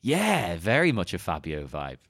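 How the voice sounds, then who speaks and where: A man's voice: sits low, wildly swooping pitch, unhurried, creaky, fairly bright tone, dry recording, studio quality. A man co-hosting a casual film-discussion podcast, playful and questioning, laughing often. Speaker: podcast co-host.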